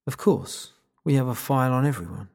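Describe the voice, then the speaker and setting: A cool, smug male agent who cancels powers, as a man reads him in an audiobook. He speaks in a calm, unhurried way that carries a quiet threat. His voice is husky, with a gravelly edge, set at an ordinary middle pitch.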